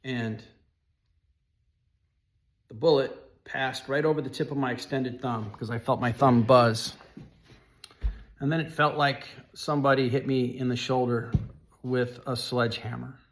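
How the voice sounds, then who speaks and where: A man telling a personal story in an earnest, halting way, often restarting his sentences. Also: medium pitch, steady tone.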